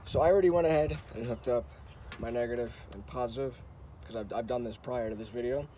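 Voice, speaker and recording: A car-channel host explains a hands-on job step by step, using repeated instructional phrases in a casual, informal way. His voice sits mid-range with a dark tone, he talks fast, and there's a little hiss or hum on the recording.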